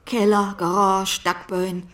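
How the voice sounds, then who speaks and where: A woman speaking with a Low German accent, acting a wistful role in a radio play and drifting into whispers. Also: flat delivery, a little slow, fairly bright tone.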